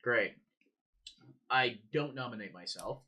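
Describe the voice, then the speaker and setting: A man's voice: mid-range voice, lively intonation, slow, bright, forceful tone. A young man playing a tabletop game, chatting casually about what his character does. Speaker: player.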